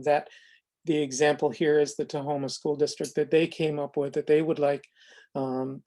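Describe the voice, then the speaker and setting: With a slightly high voice, an American man explains a software tool in an off-the-cuff demo, pausing often as he speaks in a measured, halting way.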